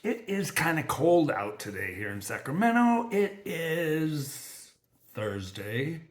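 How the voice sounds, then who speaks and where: A man's voice: mid-range voice, fairly bright tone. A man chats casually to viewers of his crafting channel, rambling from one thing to the next. His voice is scratchy from allergies. He talks in a loose, friendly way, full of fillers. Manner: chatty, rambling, with frequent fillers. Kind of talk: casual vlog chat.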